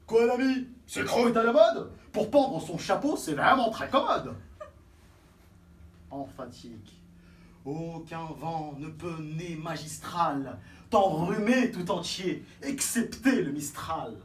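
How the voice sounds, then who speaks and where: A male actor declaims theatrical verse in classical French stage style, playing the proud, witty swordsman Cyrano de Bergerac as he mocks his own nose. His voice sits high with big pitch swings at normal speed, hammy, flamboyant and grandiose, lurching from hushed tones to bellows. The distant microphone catches a roomy echo and faint noise.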